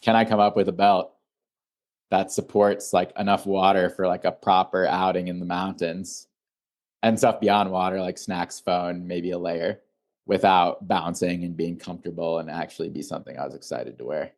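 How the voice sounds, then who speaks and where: A young man from Illinois, a founder being interviewed, talking in a relaxed, rambling way full of "like" fillers. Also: low voice, moderate pace. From Illinois, USA. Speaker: founder and guest. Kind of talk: casual interview.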